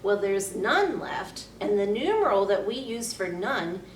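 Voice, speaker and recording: A woman reading a picture story aloud to young children like a teacher, with sing-song, exaggerated delivery and simple, deliberate phrasing for counting along. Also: medium pitch, big pitch swings. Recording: roomy, distant mic, faint noise.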